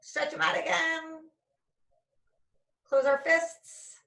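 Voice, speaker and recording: A woman's voice: extremely high pitch, level tone, extremely slow, vocal fry, pushed and bright. A woman leading a casual video-call session, upbeat and encouraging as she guides simple stretches. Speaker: activity leader.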